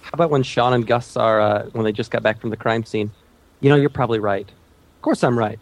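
Recorded dry, a woman with a bass voice talks a little fast as a co-host on a podcast. She chats casually with friends recapping TV, exclaiming and joking in a mock-exasperated way.

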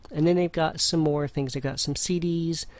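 A man hosting a podcast, talking through listings in a relaxed way with frequent fillers. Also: on the high side, normal speed, no room sound. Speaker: podcast host. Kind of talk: casual show narration.

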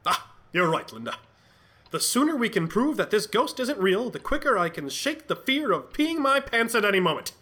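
A man's voice: sits high, sing-song, moderate pace, pushed and bright, heavily acted. A man playing a cowardly, pompous, scatterbrained detective in an old-style radio drama, fussy and theatrical. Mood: smug. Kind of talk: 1940s radio acting.

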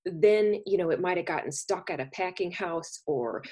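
A woman's voice: lowish voice, moderate pace, darkish tone, husky. A woman from Minnesota hosting a podcast interview, chatty and conversational. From Minnesota, USA. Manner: chatty, with frequent fillers and restarts. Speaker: podcast host.

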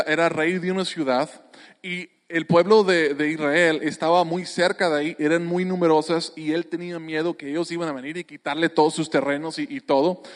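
A man preaching a sermon, animated and joking, who often restarts his phrases. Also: a little high. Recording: long hall reverb.

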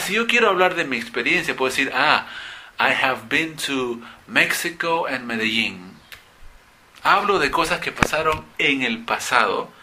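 A man's voice: medium pitch, pushed and bright, slight background noise. A man teaching English grammar in Spanish, animatedly acting out example questions in English. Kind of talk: explaining grammar to students.

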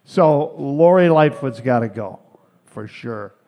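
A man's voice: medium pitch, lively intonation, slow pace, dark tone. A man hosting a talk interview, blunt and opinionated in his questions and remarks. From Chicago, United States. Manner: blunt, opinionated, frequent short agreements. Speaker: talk radio host.

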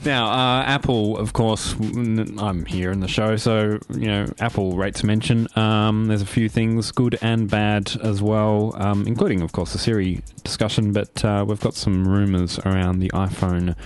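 A man's voice: fairly low pitch, fairly even intonation, a little slow, hardly any pauses. A man hosting a casual tech radio show in a studio, chatty and hesitant with many fillers. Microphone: studio mic.

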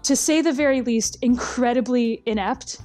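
A woman's voice: a little high, moderate pace, darkish tone, faint music behind. A woman casually recapping a storyline, wry and chatty, with lots of ums and uhs.

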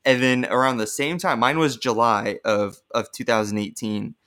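A man's voice: medium pitch, steady tone, moderate pace, fairly bright tone, smooth. A young man co-hosting a podcast in a casual, bubbly chat, rambling with lots of fillers. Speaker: podcast co-host.

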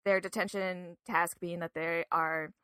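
Bright chatty woman recapping a film. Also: fairly low pitch, fairly even intonation, measured pace, smooth, dry recording. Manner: chatty plot recapping, giggly. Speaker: podcast co-host. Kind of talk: casual movie review chat.

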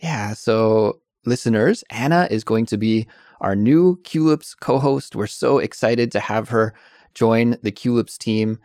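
Low-voiced man hosting a learner podcast. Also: a little slow, a little mellow, dry recording, clean studio sound. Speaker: podcast host. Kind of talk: scripted announcement and casual interview.

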